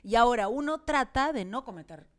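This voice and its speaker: A woman's voice: on the high side, expressive, a little fast, a bit bright. A Peruvian woman co-hosting a casual panel chat, talking reflectively about her family. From Peru. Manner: reflective, quotes family members. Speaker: co-host.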